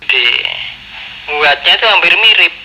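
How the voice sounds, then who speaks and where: A man's voice: high-pitched, expressive, normal speed, bright, forceful tone, a little hiss or hum, rough recording. A man, heard over a two-way ham radio, chatting casually in a radio check and signing off each turn. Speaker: amateur radio operator.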